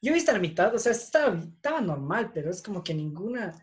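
Animated young man chatting. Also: sits high, fast. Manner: animated, laughs often. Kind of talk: casual chat.

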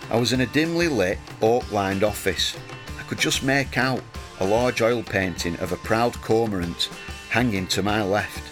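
Low-voiced man telling a wry story. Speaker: narrator. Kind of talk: storytelling narration. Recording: music playing under the voice.

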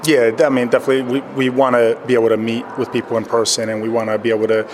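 Fast, halting man, flat intonation. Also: medium pitch. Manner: halting, repeats words. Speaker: pastor being interviewed. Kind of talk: casual interview answers. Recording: faint background noise.

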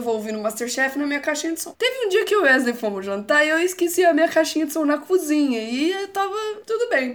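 A young Brazilian woman co-hosting a casual podcast, telling stories in an animated way, mimicking shouts and laughing often. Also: high voice. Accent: Brazilian Portuguese. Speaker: podcast co-host.

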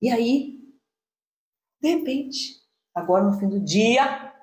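Speaking with a Brazilian Portuguese accent, a woman co-hosting a podcast shares a faith testimony as an animated story, laughing often. Her voice is fairly high and her pace slow, and the sound is roomy.

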